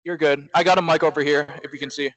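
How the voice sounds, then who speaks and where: A man's voice: on the high side, steady tone, fast talker, fairly bright tone, no room sound, highs cut off. A man chatting casually as he helps organize an event. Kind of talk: casual chat.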